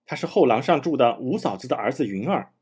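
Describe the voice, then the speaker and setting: A storybook nobleman who ribs his cousin with easy, joking scorn. His voice is husky and a shade lower than the narration, as a man reads him. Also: big pitch swings, fast talker, darkish tone. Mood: teasing. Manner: mocking, joking.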